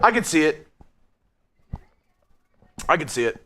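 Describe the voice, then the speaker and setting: A man co-hosting a casual game watch-along stream, his voice muffled as if inside a fishbowl while talking from inside a football helmet, hyped and excitable. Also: fairly high pitch, a little slow, slight background noise. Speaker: livestream co-host.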